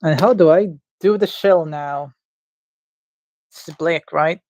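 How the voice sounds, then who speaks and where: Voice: mid-range voice, slow, darkish tone, no echo. Streamer musing while drawing. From Latvia. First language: Latvian. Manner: thinking aloud, unsure and self-mocking. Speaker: livestreamer. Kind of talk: casual commentary while drawing live.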